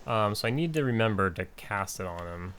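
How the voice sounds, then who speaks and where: A man's voice: fairly low pitch, lively intonation, a little fast, fairly bright tone, a little hiss or hum. A man giving casual, rambling commentary over his own gameplay, with many fillers and restarts. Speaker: gaming channel host.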